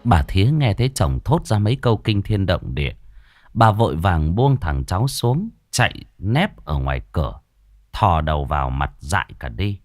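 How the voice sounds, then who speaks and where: A man's voice: low voice, big pitch swings, moderate pace, a little mellow, no room sound. Dramatic male ghost-story narrator. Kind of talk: scripted horror narration.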